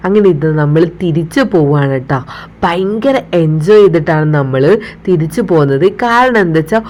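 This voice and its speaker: Lively woman mixing Malayalam and English. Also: deep voice, normal speed, a little hiss or hum. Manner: mixes English words into Malayalam; chatty, addresses viewers directly. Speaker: travel vlogger. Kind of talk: casual travel vlog narration.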